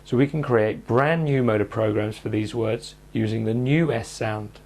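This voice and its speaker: A man calmly guiding listeners through speech therapy exercises in a measured instructional narration. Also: lowish voice, a little hiss or hum. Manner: calm, measured, step-by-step coaching.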